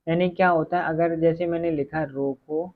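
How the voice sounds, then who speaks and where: A man teaching a Hindi grammar lesson for exam preparation, often asking questions and answering them himself, and slowing down to dictate as he writes. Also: a little high, steady tone. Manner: repetitive questioning, answers his own questions; slow dictation while writing. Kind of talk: online exam-prep lesson. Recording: tinny phone-like audio.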